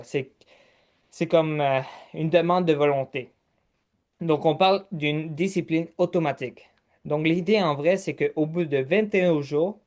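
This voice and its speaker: A man's voice: a little high, darkish tone. A man with a Québécois accent hosting a podcast, walking the listener step by step through points in casual chat. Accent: Québécois French. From Quebec. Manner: structured, listing steps, talks to listener directly. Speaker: podcast host.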